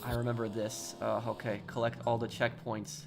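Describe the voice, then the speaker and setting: A man casually commentating on a game he is livestreaming and chatting with viewers, halting and repeating words as he goes. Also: mid-range voice, flat delivery, gravelly, music in the background. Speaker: livestreamer playing a video game. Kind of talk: casual game stream commentary, reading and answering chat.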